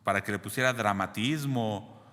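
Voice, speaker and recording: A man's voice: lowish voice, normal speed, bright, forceful tone, long reverb tail. A man preaching a sermon in a conversational way, often checking in with his listeners. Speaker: pastor.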